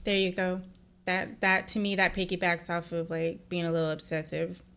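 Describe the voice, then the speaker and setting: A woman's voice: fairly low pitch, completely flat delivery, moderate pace, fairly bright tone, clean tone. A woman hosting a reaction video, giving blunt, opinionated commentary that often turns into a lecture. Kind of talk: casual commentary.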